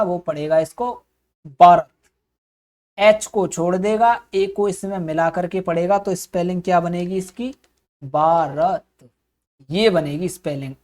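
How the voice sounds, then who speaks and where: A woman's voice: on the low side, darkish tone. An English teacher, a woman, giving an explanatory spoken lesson, often posing questions to herself and then answering them.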